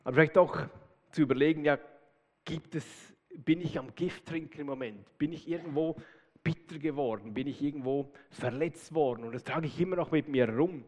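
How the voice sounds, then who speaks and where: A man preaching a sermon in a lively, conversational way with casual asides. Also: on the high side, normal speed. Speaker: pastor. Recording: long hall reverb.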